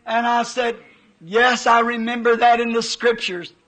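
A man's voice: very high-pitched, fairly even intonation, slow pace, a bit bright, rough recording. A man preaching a sermon, fervently recounting a vision in folksy, plain-spoken grammar.

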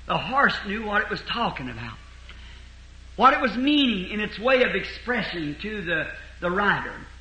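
A man's voice: high voice, sing-song, a little slow, sharp tone. A man preaching a sermon, retelling a story in a folksy, rambling way with lots of repeated "he said". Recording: roomy echo.

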